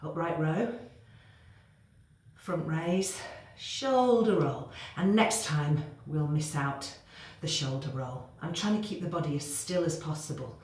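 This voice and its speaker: A woman fitness instructor cueing moves as she exercises along, growing out of breath. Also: deep voice. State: getting out of breath. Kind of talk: workout instruction. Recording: very echoey room, faint noise.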